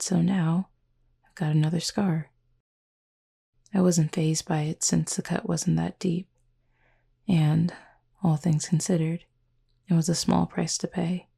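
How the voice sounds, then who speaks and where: In heavily acted roleplay audio, a woman takes on the role of a horned cupid roommate, speaking low and intimately in a soft, breathy, husky, mellow voice. She is calm and matter-of-fact, measured and formally polite, with a warm, tender teasing edge.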